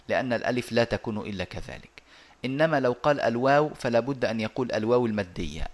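A man teaching a lesson over a video call, explaining step by step and pausing often on drawn-out hesitations. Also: on the low side. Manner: measured and methodical, with frequent drawn-out hesitations.

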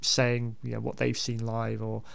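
A man's voice: medium pitch, monotone, measured pace, creaky. A man hosting a podcast, talking casually and unscripted in a hesitant, rambling way with repeated words. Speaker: podcast host.

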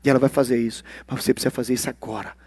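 A man preaching a sermon as a pastor, animated, swinging from loud exclamations to hushed asides. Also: mid-range voice, rapid-fire, slightly rough, dry recording.

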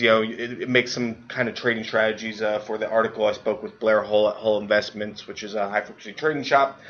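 A hungover man co-hosting a podcast, explaining things informally in a halting, hedging way full of fillers. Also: lowish voice. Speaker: podcast co-host and editor. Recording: dull lo-fi audio.

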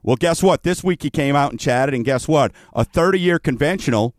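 A man's voice: on the high side, normal speed, dry recording, clean studio sound. A man from New Orleans hosting a radio show, talking to listeners in a folksy, chatty way. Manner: folksy, chatty direct address. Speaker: radio show host, mortgage professional. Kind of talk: radio talk and sponsor reads.

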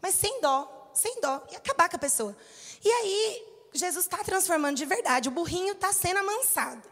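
A Brazilian woman in her thirties preaches with a high, bright voice. She speaks conversationally, telling stories from her own life and voicing the people in them. Her voice carries a long reverb from the church hall. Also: lively intonation, moderate pace. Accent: Brazilian Portuguese. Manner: conversational, storytelling with acted-out quotes. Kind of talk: sermon.

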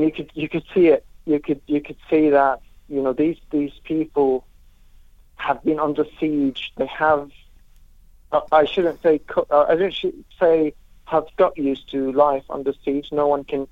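A man from Lebanon speaks about aid work over a tinny phone line with a slightly high voice. His answers come out halting, full of restarts and repeated words, and the sound is dry and close. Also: no room sound. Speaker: humanitarian aid worker. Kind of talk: remote interview answers.

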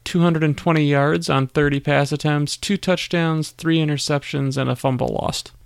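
A man co-hosting a sports podcast in casual chat, wry and quick to laugh. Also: a little high, fairly even intonation, creaky, clear, resonant tone, dry recording, studio quality. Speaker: podcast co-host.

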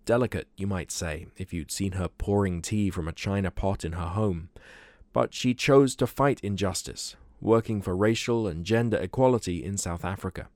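A male radio reporter reads a scripted news story in a smooth, even way. His voice is on the low side, and the studio sound is dry and close. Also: moderate pace, dry recording.

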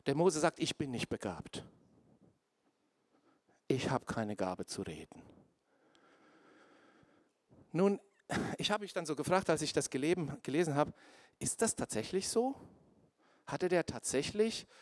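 Brief: male preacher, fairly high voice, dry close sound, direct and fervent sermon delivery. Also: dry recording. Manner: speaks directly to the congregation, building to emphatic fervor; drops in English church phrases.

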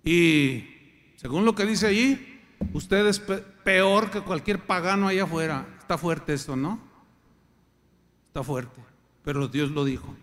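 High-voiced Mexican pastor preaching. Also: male voice, unhurried, long pauses, a bit bright. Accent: Mexican Spanish. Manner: emphatic preaching, acts out quoted voices. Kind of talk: sermon. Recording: long hall reverb.

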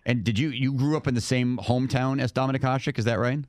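A man's voice: mid-range voice, fairly even intonation, quick pace, dry recording, clean studio sound. A male radio show host interviewing a caller, often stumbling and repeating words as he starts his questions.

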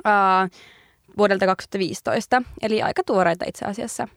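A woman in a casual podcast chat, thinking aloud in a reflective, searching way and hedging her points with plenty of fillers. Her voice sits at an ordinary middle pitch. The sound is dry and close, with no room in it. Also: no echo. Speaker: podcast co-host.

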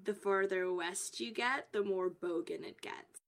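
A woman's voice: medium pitch, a little slow, a bit bright. An Australian woman co-hosting a podcast, chatting and giggling, often talking over the others. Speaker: podcast co-host. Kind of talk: casual chat.

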